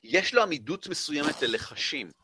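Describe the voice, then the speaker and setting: Lively, bright-voiced male game master. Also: fairly high pitch, slightly rough, no echo. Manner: lively storytelling with many fillers. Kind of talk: narrating a tabletop game.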